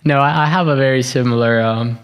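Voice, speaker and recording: Young guy hosting a podcast, mid pitch, gravelly, stumbles and repeats words a lot. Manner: halting, repeats words, self-questioning. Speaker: podcast host. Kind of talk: casual interview chat.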